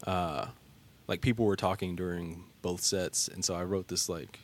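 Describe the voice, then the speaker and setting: A man with a very deep voice, speaking in casual conversation. He tells his stories earnestly and leans on frequent fillers as he goes. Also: fairly even intonation, moderate pace, a little hiss or hum. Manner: storytelling, filler-heavy, earnest. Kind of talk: casual chat.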